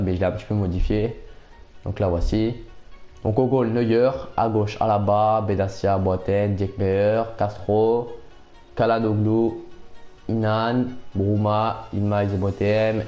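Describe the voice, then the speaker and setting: A young man commentating his own football video game match, excitable and quick to shout and repeat himself. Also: fairly low pitch. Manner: excitable, shouts at big moments, repeats phrases rapidly. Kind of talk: casual live gameplay commentary.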